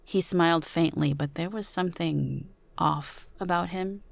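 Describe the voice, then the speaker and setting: In a low voice, a woman narrates a suspense story in the first person, reading it dramatically as the storyteller. She keeps a measured pace with some vocal fry, and there's no room sound.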